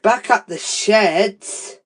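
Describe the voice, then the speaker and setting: A male amateur storyteller narrating an improvised children's tale in a halting way. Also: sits high, a bit bright, slightly rough. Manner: halting, makes it up while going.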